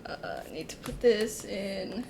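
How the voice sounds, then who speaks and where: A woman's voice: mid-range voice, a little slow. A young woman chatting casually as co-host of a livestream. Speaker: streamer and co-host. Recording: keyboard clicks, clear background noise.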